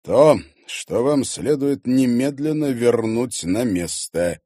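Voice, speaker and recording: A man playing a gruff, stern sheriff. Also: medium pitch, expressive, slow, warm tone, no echo, clean studio sound, voice pushed up. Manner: serious, grumbling, curt. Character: stern middle-aged male sheriff, gruff.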